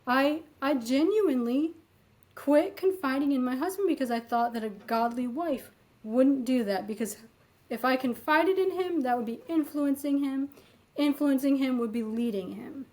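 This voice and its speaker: A woman guest in an interview, telling a personal story in a candid, animated way, full of fillers and acted-out exchanges. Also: sits high, moderate pace, rough recording.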